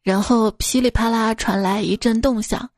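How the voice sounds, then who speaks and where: A woman's voice: on the high side, fairly even intonation, moderate pace, darkish tone, dry recording, clean studio sound. A woman hosting a radio joke segment, reading one short gag after another and raising her voice for the quoted characters. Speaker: radio host telling jokes.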